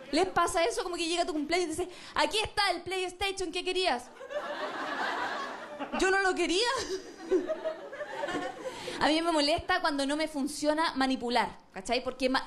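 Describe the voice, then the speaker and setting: A woman with a Chilean accent performing a stand-up comedy monologue, acting out both sides of a couple in lively storytelling. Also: sits high. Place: comedy stage with a live audience.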